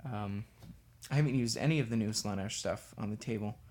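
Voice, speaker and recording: A man's voice: fairly low pitch, fairly quick, darkish tone. A man casually chatting on a livestream while painting miniatures, rambling and self-deprecating as he works. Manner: talks absent-mindedly while working with a brush.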